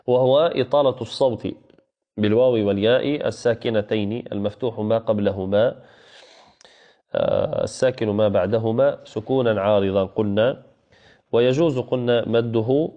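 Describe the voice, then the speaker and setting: A man teaching a Quran recitation lesson, patiently repeating key phrases and chanting verses slowly. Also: fairly low pitch, animated, lo-fi sound. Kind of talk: online tajweed lesson.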